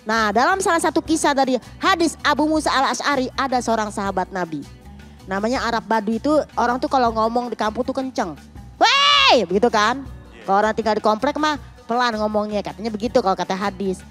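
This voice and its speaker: Woman TV preacher, high bright voice, jokey and animated, soft music under her. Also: quick pace. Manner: playful, acts out quoted voices loudly. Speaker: guest preacher. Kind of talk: lively comic religious talk.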